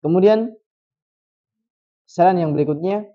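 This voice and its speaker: A man with an Indonesian accent teaching Quran recitation, explaining step by step and slowly demonstrating each recitation. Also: high voice, dull audio. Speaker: religious teacher.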